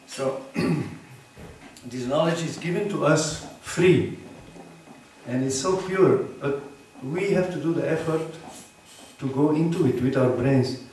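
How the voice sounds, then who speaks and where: A man's voice: a little high, slow, long pauses, a little mellow, slight background noise. A man giving an earnest sermon on scripture in a temple, quizzing his listeners with short tag questions. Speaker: temple preacher. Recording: very echoey hall, distant mic.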